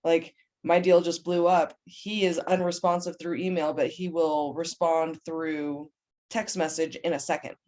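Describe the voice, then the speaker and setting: Woman agent, low-ish voice, animated and exasperated storyteller. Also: unhurried. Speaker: real estate agent. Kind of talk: telling a work story on a video call.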